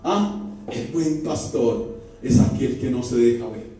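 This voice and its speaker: A man's voice: mid-range voice, animated, slow, warm tone. A man preaching a sermon as pastor, talking conversationally and throwing rhetorical questions at his congregation. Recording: very echoey church hall from far off, faint music.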